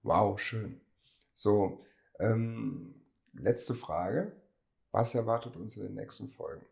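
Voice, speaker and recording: A man's voice: on the low side, slow, gravelly. A man interviewing a guest on a podcast, joking and laughing often.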